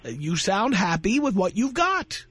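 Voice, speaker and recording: A man's voice: high-pitched, sing-song, a little slow, fairly bright tone, breathy edge. A man hosting a call-in radio show, blunt and lecturing, cutting in on callers. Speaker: radio talk show host.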